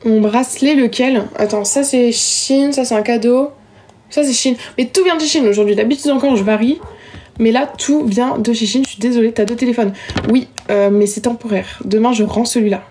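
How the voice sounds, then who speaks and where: A woman's voice: on the high side, normal speed, warm tone, a little hiss or hum. A young woman chatting casually with viewers during a live stream, self-mocking and talkative, recorded on a phone at home. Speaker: livestreamer.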